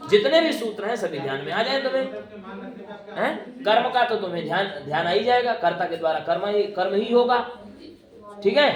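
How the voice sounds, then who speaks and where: A man teaching Sanskrit grammar, his voice pitched high and ringing off the walls of a classroom. He quizzes his students, chants the rules slowly and waits for them to repeat. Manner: drills students with call-and-response questions. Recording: echoey classroom.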